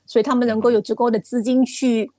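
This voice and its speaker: A woman speaks as an expert guest. Her voice sits a little high and is recorded dry. She explains with examples and slips in English terms. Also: little pitch movement, fast talker, dark tone, no room sound. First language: not Cantonese; speaks it casually only. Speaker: expert guest, cancer researcher. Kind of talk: live interview, explanatory talk.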